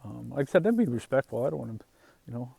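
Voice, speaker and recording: A man talking casually to his viewers about the harvest and farm life, in an unhurried, halting way with plenty of fillers and restarts. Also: mid-range voice, very animated, vocal fry, mellow, husky, dry recording. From Northwest Indiana, USA. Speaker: farm vlogger. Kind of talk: casual rambling monologue.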